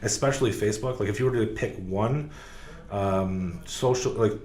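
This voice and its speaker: A podcast guest who works selling cars speaks at a normal speed in a slightly mellow voice on the low side. The casual interview talk rambles along with many fillers and restarts, and the room sounds echoey with a faint hum of background noise.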